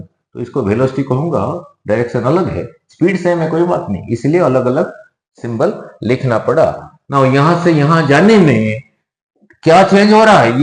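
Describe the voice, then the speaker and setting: A man's voice: a little high, reverberant, low-quality recording. A male physics teacher with an Indian accent, explaining step by step and repeating key words, mixing Hindi with English terms. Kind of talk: whiteboard lecture.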